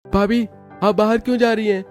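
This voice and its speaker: Man doing a high, earnest young brother-in-law. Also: flat delivery, fairly quick, a little mellow, soft background music, close to an everyday voice. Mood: concerned. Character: young male brother-in-law, kind and helpful.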